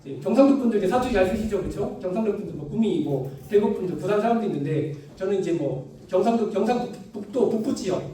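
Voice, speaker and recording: Animated, fast-talking male preacher. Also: high-pitched, a little hiss or hum. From Yeongju, North Gyeongsang, Korea. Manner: animated, asks the congregation for agreement again and again. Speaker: lay preacher. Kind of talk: sermon with humorous anecdotes. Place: church hall. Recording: echoey church hall, distant mic.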